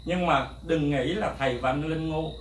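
A man teaching a drum lesson, lecturing bluntly and rambling, counting beats out loud. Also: fairly high pitch, normal speed, slight background noise. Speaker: music teacher. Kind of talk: drum lesson, talking to camera. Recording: echoey room, mic at a distance. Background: faint drums and music.

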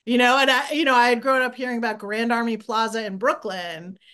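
Animated woman historian on a video call. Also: a little high, a little fast, clear, resonant tone. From suburbs of New York City. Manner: animated, laughs easily, many restarts. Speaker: guest historian. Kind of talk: casual conversation. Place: home office with bookshelves.

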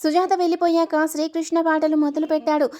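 A woman's voice: high-pitched, little pitch movement, fast, dark tone. A woman narrating a romantic comedy story, reading the narration and all the characters' lines herself with small shifts of voice. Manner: reads all parts herself, lightly shifting voice for quotes.

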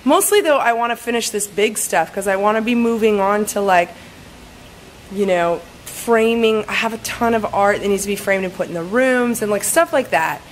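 A woman's voice: mid-range voice, normal speed, low-quality recording. Woman in her 40s walking round her garden with a phone, chatty and rambly, faint noise outside. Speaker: travel vlogger. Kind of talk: casual vlog walkthrough. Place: outdoor garden courtyard of a house. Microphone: phone camera at arm's length.

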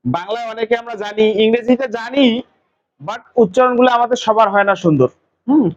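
A man teaching an English pronunciation lesson to a class, quizzing students with quick questions. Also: very high-pitched, lo-fi sound, a crowd in the background.

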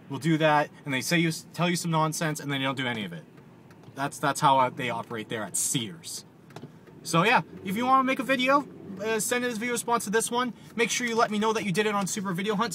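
A man's voice: fairly high pitch, a bit bright. Angry man ranting while driving. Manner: angry, swearing, repeats himself. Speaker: vlogger. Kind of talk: angry vlog rant. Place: in a vehicle, driving. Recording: noisy car recording. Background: vehicle noise.

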